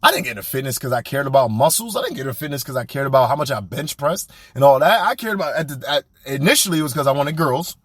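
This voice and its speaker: Speaking fast with few pauses, a young man hosts a podcast and gives an animated, preachy motivational talk in blunt, colloquial terms. His husky voice sits in the mid-range, and there's no echo.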